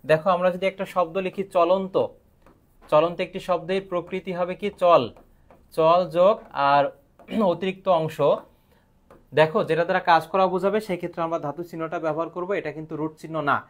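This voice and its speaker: A man's voice: high voice, fairly even intonation, fairly quick. A man teaching a live online grammar lesson, asking questions and answering them himself.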